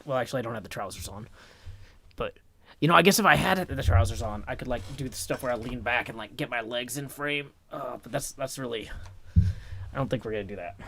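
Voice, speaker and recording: A man hosting a casual livestream in a raspy, strained put-on voice, chatting and reading viewer comments into a boom mic. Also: a little fast, fairly bright tone. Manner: rambling, chatty, talks to chat while working on a build. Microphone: boom microphone.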